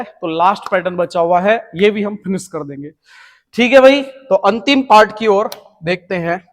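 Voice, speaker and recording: A man teaches math for an exam, walking through each step of a formula and pausing to ask whether his students are following. His voice sits high for a man. The sound carries a long, echoey room reverb. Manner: explains step by step, keeps checking students follow. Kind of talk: exam-prep math lecture.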